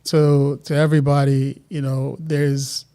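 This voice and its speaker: A man from Guyana, a guest artist telling stories in a relaxed interview chat, often restarting his sentences. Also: a little high, a little slow. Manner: reflective, storytelling, many restarts.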